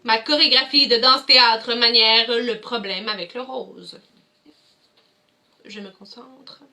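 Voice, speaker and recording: A woman's voice: a little high, fairly even intonation, measured pace, bright, forceful tone, a little hiss or hum. A young woman with a Quebec French accent, leading kids through a movement activity from home as a cultural mediator, encouraging and addressing viewers directly. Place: home, indoors.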